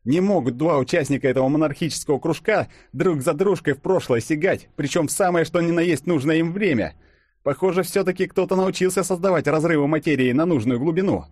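A man voicing an eager, excitable burly male agent in an audiobook, speaking insistently. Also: fairly high pitch, fairly quick, no echo, studio quality, voice pushed up, close to an everyday voice.

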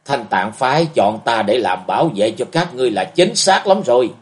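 A man's voice: lowish voice, very animated, measured pace. A man voicing a cold, lecturing old martial healer in a storybook reading. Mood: scornful.

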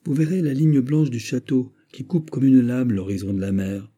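A man's voice: medium pitch, normal speed, dark tone, voice pushed up, natural voice. A man narrator voicing a proud, plain-spoken Breton fisherman, in an earnest, firm manner.

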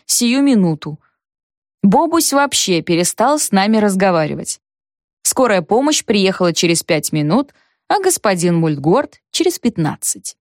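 Female audiobook narrator, mid-pitched, dry booth sound. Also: no echo. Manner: measured storytelling, first person. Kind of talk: scripted narration of a detective novel.

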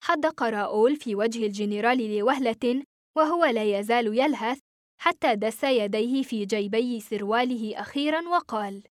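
A woman narrating a novel in the first person, steady and expressive. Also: fairly high pitch, moderate pace, no room sound, clean studio sound. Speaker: audiobook narrator.

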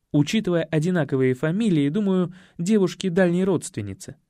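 A man narrating a first-person audiobook in a wry, measured storytelling manner. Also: a little high, dark tone, dry recording, studio quality.

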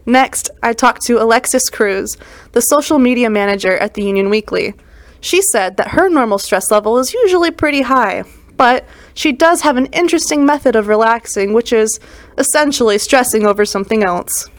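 A woman reporter reading scripted narration in an even delivery. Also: on the high side, normal speed, no echo. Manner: even, read-aloud delivery. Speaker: student news reporter.

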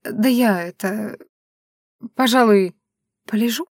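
A woman voicing a frightened, wry young heroine who pleads in a whiny, higher voice. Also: expressive, moderate pace, no room sound, studio quality. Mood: pleading.

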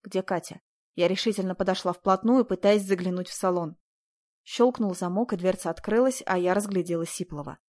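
A woman's voice: fairly low pitch, fairly quick, a little mellow. A woman reading a first-person audiobook aloud, telling the story in a tense, earnest way. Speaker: audiobook narrator.

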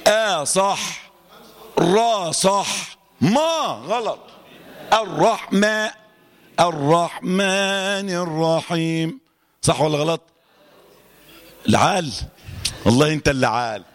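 A middle-aged man with an Egyptian accent teaching Quran recitation to a class in a lively, joking manner, stretching out letters slowly to demonstrate them. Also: on the high side. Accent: Egyptian Arabic. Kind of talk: live tajweed lesson to a class.

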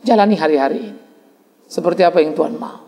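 A man preaching a sermon as a pastor, emphatic, with repeated refrains and sudden leaps in pitch. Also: fast, creaky, dark tone, in a large hall.

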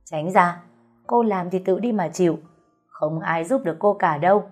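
A woman's voice: fairly low pitch, normal speed, darkish tone, soft background music, close to an everyday voice. A woman doing a cold, harsh young husband. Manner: harsh, accusing.

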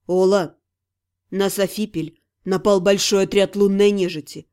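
A woman voicing a tender, protective male necromancer in an audiobook, speaking low, soft and soothing. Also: steady tone, a little slow, clean tone, close to an everyday voice. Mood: gentle, soothing.

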